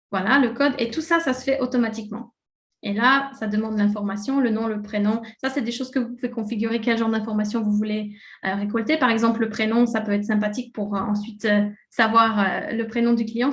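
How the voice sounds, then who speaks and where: Chatty Swiss-French woman presenting in an echoey room. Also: fairly high pitch. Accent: French-speaking Swiss, speaking in a French way. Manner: casual and chatty, many fillers, laughs at slips. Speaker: presenter of a software webinar. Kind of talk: live webinar presentation.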